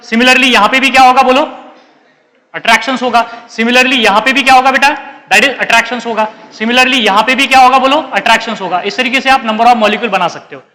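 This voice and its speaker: High-voiced Indian chemistry teacher quizzing students. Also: male voice, fairly even intonation, brisk, pushed and bright, in a large hall, poor audio. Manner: keeps quizzing students and answering himself, calls them beta. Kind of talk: classroom lecture.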